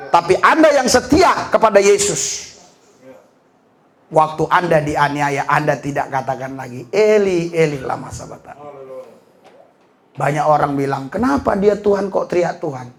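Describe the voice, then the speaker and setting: A man preaching a sermon as pastor, lively and full of laughter and shouted exclamations. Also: high-pitched.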